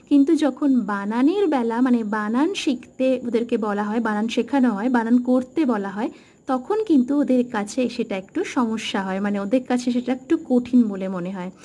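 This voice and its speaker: High-voiced woman teaching spelling patiently. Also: mellow. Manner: patient, slow syllable-by-syllable spelling drills. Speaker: teacher explaining children's spelling. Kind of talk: home teaching video.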